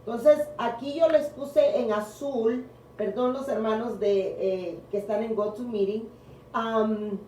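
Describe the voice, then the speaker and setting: A woman leads a congregational Bible study at a slow, careful pace, her fairly high voice leaning hard on the words she wants to stress. She is heard from across an echoing meeting room, a little distant from the microphone, with a faint hum of room noise behind her. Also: fairly even intonation, dark tone. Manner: deliberate, stressing key words. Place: congregation meeting room, also streamed online. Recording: echoey room picked up from a distance.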